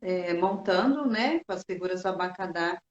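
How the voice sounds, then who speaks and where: A woman's voice: on the low side, animated, moderate pace. Woman, moderator, hesitant, tag questions, echoey room, dull lo-fi sound. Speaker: interview moderator, educator. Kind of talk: live stream interview. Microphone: video call on a live stream. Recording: roomy, dull lo-fi call audio.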